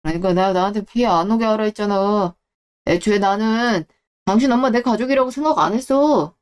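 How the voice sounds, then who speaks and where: A woman's voice: medium pitch, fairly quick, smooth, lightly acted. A woman voicing a callous, selfish middle-aged husband who talks scornfully and dismissively. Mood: contemptuous. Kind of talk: Korean audio drama reading.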